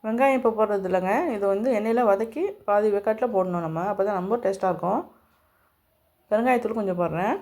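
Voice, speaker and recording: A woman hosting a home cooking demo on her channel speaks fast, with a mid-range voice that's a little mellow. Step by step, she explains everything directly to her viewers in a homely style.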